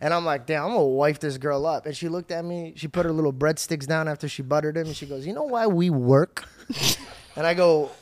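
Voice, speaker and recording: A young man hosting a podcast in casual chat, animated and swearing as he tells stories. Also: a little high, brisk, dry recording. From Syrian heritage. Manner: animated, swearing, laughing storyteller. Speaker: podcast host.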